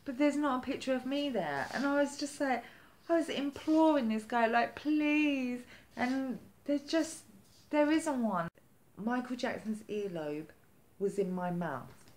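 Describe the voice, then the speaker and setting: A woman vlogger telling a story in casual chat, animated and chatty, acting out the quotes with lively jumps in her voice. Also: fairly high pitch, normal speed. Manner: chatty with many "like" fillers.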